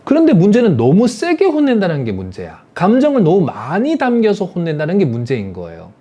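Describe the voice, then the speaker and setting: Male lecturer, slightly high voice, very expressive pitch, rhetorical questions, adult-education lecture. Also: a little fast. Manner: asks the audience rhetorical questions; acts out parents' scolding in quoted voices. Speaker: lecturer in family psychology.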